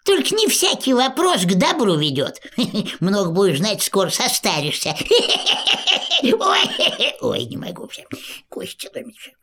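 A woman's voice: mid-range voice, wildly swooping pitch, a little slow, a bit bright, husky, exaggerated voice. A woman voicing the old witch Baba Yaga, grumbling and cackling in a storybook reading. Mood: sly.

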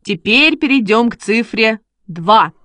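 A woman voicing an excitable schoolboy who coaxes and exclaims while training his dog, read as a storybook. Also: a little high, unhurried, no echo. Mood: eager. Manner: eager, coaxing, exclaiming. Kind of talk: storybook reading.

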